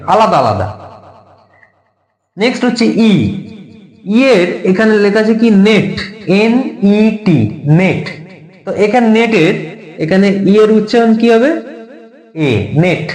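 A man's voice: high-pitched, darkish tone, reverberant. A man teaching an English lesson in a casual video style, spelling words out letter by letter and repeating each point many times.

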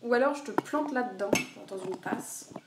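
A young woman streamer with a high voice chats casually while cooking live in her home kitchen, giggling and rambling through asides at normal speed. Her camera sits on a wobbly tripod across the room, so she sounds far away in a very echoey, very noisy kitchen.

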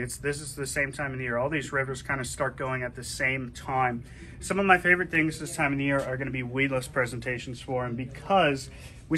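A middle-aged man hosting a casual fishing report inside a tackle shop, chatty and relaxed as he gives tips. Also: mid-range voice, slight background noise. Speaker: fishing shop host giving the weekly report. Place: inside a tackle shop, amid glass display cases.

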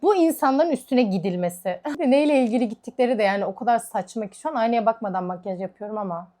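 A woman's voice: on the high side, fast talker, warm tone. A woman vlogger chatting casually while doing her makeup, ranting in a heated, frank way. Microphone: camera mic.

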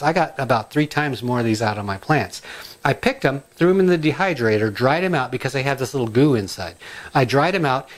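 A middle-aged man chatting casually in his home kitchen, rambling and excitable, full of asides and ums. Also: a little high. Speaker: home cooking and gardening vlogger.

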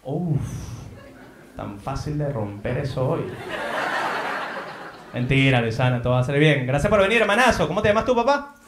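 A man's voice: medium pitch, animated, moderate pace, pauses often, echoey room, background noise. A man with a Venezuelan accent doing playful, teasing crowd work on a theater stage. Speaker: stand-up comedian. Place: theater in Madrid.

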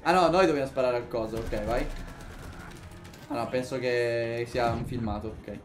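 A young man with an Italian accent giving excitable, swear-laden commentary while playing a co-op game. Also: mid-range voice, moderate pace. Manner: excitable, swears, jumps between loud outbursts and mutters. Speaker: gaming YouTuber. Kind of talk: casual gameplay commentary.

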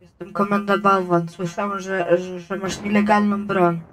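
A woman's voice: medium pitch, little pitch movement, moderate pace. A woman chatting casually and playfully while gaming, slipping into mock role-play. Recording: loud noisy game audio, clicks.

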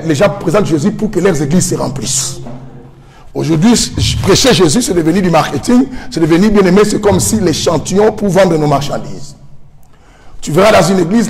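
A man preaching a sermon, asking the congregation questions and answering them himself, sometimes shouting or singing a phrase. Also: high-pitched, big-room sound. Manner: breaks into shouts and sung phrases.

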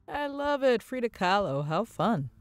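A woman's voice: on the high side, big pitch swings, measured pace. A woman narrating a shopping vlog about antiques and home decor in an enthusiastic, gushing way. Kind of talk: casual shopping vlog voice-over. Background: soft guitar music.

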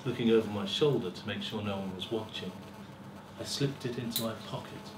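At a live festival, a storyteller with a fairly low-pitched voice gives a theatrical first-person reading in a small lecture room full of seated listeners. He moves deliberately, using pauses and swelling emphasis. A far camera mic picks him up, leaving the sound roomy and faintly hissy.

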